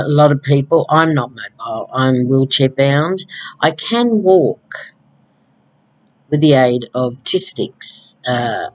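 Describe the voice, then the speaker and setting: Unhurried woman, early sixties, chatty home vlogger, rambling delivery. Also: a bass voice, lo-fi sound. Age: 60s. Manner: rambling, conversational, frequent ums. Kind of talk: casual chat to camera. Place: small home room indoors. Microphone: laptop webcam.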